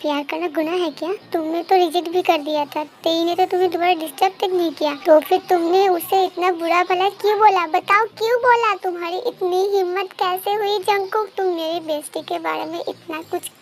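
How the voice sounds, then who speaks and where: A woman voicing a fiercely loyal young woman in a fan-dubbed story, loud, accusing and demanding. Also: extremely high pitch, fairly even intonation, brisk, few pauses. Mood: furious. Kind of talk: fan dub story voice acting. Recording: faint background music.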